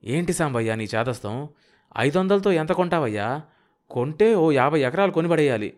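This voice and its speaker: A man's voice: fairly high pitch, animated, normal speed, a little mellow, pitched above the performer's own voice, close to an everyday voice. A man voicing a wily, cautious middle-aged village broker who talks in an irritable, needling way. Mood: wary.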